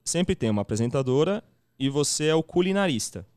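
A São man in his thirties spins an animated story, jumping into the voices of the people in it. His voice sits a touch high and comes across smooth and clear, recorded close and dry. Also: fairly quick, no echo. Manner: animated, acts out quoted dialogue with slangy fillers. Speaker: chef and TV cooking show host, podcast guest. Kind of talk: casual storytelling chat.

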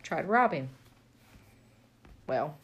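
Podcast co-host, woman, lowish voice, casual joking book chat. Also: lively intonation, slow pace, fairly bright tone, slightly rough. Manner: chatty, joking, laughs often. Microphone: podcast mic.

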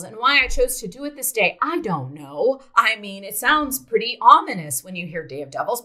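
A woman's voice: on the high side, sharp tone. A middle-aged woman from South Dakota telling a personal story in an earnest, reflective way, with hesitant fillers. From South Dakota, United States.

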